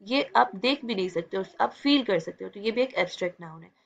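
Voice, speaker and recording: A woman's voice: mid-range voice, expressive, vocal fry, muffled recording. A woman teacher with a Pakistani Urdu accent explaining an English textbook exercise, patiently checking in and sounding words out syllable by syllable. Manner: patient, explains slowly with many "theek hai" checks.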